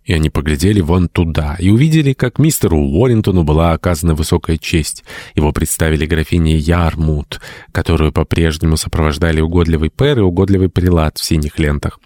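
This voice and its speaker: A man narrates an old novel in a measured, storytelling manner. His voice sits very low and deep. The recording is dry and close, with no room sound. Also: darkish tone, no echo. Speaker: audiobook narrator. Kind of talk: scripted narration.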